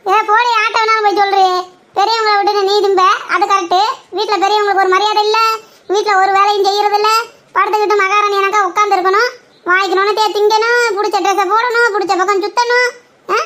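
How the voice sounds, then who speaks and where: A young performer putting on a spiteful old mother-in-law, bossy and taunting, with a very high, bright voice. She jeers at her daughter-in-law and turns on a show of wailing when her son scolds her, in a homemade comedy skit. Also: little pitch movement, fast talker.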